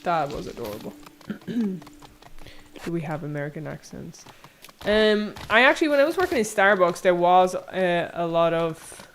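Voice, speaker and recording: A young woman with an Irish accent chatting casually while playing a game, chatty and prone to excited squeals. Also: fairly low pitch, moderate pace, slight background noise. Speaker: game streamer. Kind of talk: casual gameplay commentary. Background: game music.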